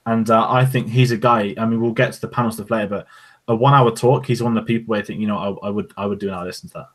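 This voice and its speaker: Fast-talking man in casual podcast chat. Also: on the low side, fairly even intonation. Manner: quick, rambling, opinionated. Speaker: podcast co-host. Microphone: podcast microphone.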